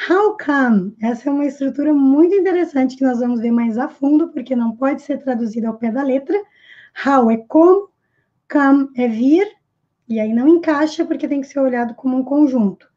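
Teaching English with a Brazilian Portuguese accent, a woman speaks in a high, mellow voice. She slows down carefully to repeat each English phrase and then translates it, and the recording sounds a little dull.

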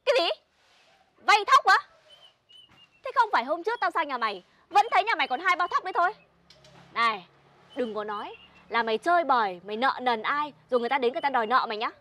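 A woman doing a nosy, bossy village auntie in a comedy skit. She speaks with a Northern Vietnamese accent in a high, sharp voice, brusque and impatient. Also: expressive, fast talker, pauses often. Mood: suspicious. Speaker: actress in comedy sketch. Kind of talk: village comedy sketch acting.

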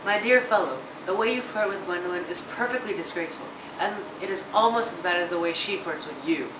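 Young man acting idle witty gentleman, formal and measured, amateur stage play, distant camera sound. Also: sits high, natural voice. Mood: lofty scolding. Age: teenager to young adult. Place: large living room, indoors. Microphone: camera a few metres away. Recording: echoey, noisy room from camera distance.

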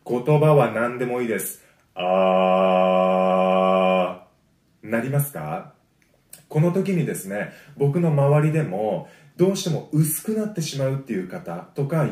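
A man teaching a voice lesson. He gives friendly, encouraging explanations and breaks them up with sustained low sung vowels. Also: warm tone. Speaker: voice trainer. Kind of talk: vocal lesson. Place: home. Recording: roomy echo.

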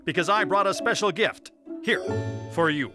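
A man's voice: high voice, normal speed, natural voice. A man voicing a confident, friendly superhero celebrity in a children's cartoon, with a reassuring manner and music behind. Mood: confident, kindly. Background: loud music.

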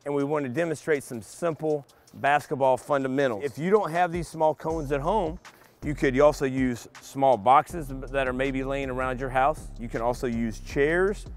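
A middle-aged man coaching basketball, calmly explaining drills step by step to young players in a large empty indoor arena. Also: mid-range voice, normal speed, faint music behind. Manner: patient step-by-step explaining to kids. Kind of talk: instructional clinic demonstration.

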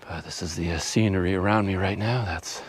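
Middle-aged male travel vlogger, low register, casual and unscripted, thinking out loud in the open air. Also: fairly even intonation, a little fast, slight background noise. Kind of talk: casual unscripted vlog commentary. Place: outdoors on open countryside paths and roads.

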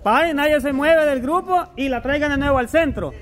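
A man hosting an outdoor group game, loudly explaining the rules and calling out commands to the players. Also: very high voice, a little fast. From El Salvador. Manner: loud, animated, bossy calling of rules and commands. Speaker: game host. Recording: outdoor crowd chatter behind.

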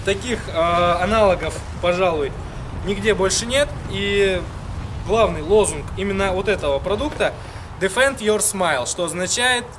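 A man's voice: high-pitched, normal speed, background noise. A man reviewing airsoft gear outdoors in the cold, speaking through a face mask in a plain, explanatory way. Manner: matter-of-fact, explanatory. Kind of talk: product review to camera. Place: outdoors in freezing weather.

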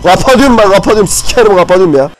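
Excitable swearing gamer man, high voice. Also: very fast, over music, rough recording. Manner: excitable, swearing, mock newscaster tone. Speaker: gaming video host. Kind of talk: profane horror game commentary.

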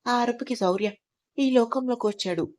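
A woman narrating an audio drama story in a calm, even storytelling manner. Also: on the high side, moderate pace.

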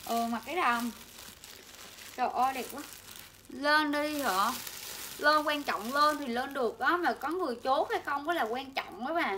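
Speaking at a normal pace in a high, sharp-toned voice, a young woman hosts a live clothing sale from her home shop. She chats nonstop, pushes deals hard and keeps calling out to viewers, with slight background noise present.

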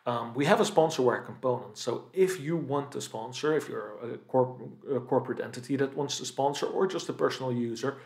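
A young man presenting a product demo of his own software tool, explaining features with enthusiasm, some fillers and self-corrections. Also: mid-range voice, fairly quick, gravelly, few pauses, echoey room. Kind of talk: screen-share product demo.

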